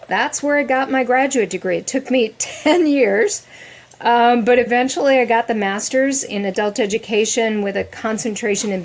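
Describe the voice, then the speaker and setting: Animated middle-aged woman podcast guest. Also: a little high, a little hiss or hum. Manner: animated, laughs often, restarts sentences. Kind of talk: casual podcast conversation.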